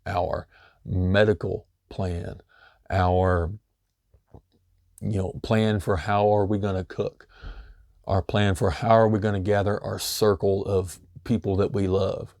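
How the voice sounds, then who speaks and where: The host of a homesteading channel gives casual instructional talk in a low, mellow, slightly hoarse voice, as if he's losing it. He's loose and conversational, saying "you know" a lot, and the recording is dry and studio quality.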